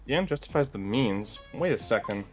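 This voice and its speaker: A man's voice: mid-range voice, lively intonation, brisk, soft background music, natural voice. Man playing an indignant, accusing defense lawyer. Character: earnest, accusing defense lawyer confronting a gossip reporter. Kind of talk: fan read-through of a video game.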